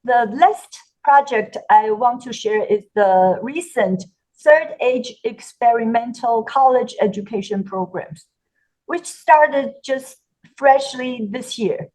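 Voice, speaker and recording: Woman presenting on a webinar, slightly high. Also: slow, darkish tone, low-quality recording. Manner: careful delivery with "uh" fillers and restarts.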